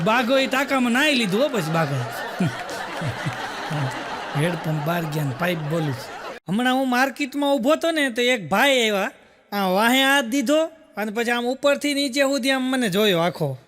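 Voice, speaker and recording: A man's voice: very high-pitched, animated, brisk, background noise. A man telling folksy jokes on stage as a stand-up comedian, stringing his stories together with "I said" and "he said". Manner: folksy storytelling, full of "I said" and "he said". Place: stage show with a live audience. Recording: long hall reverb.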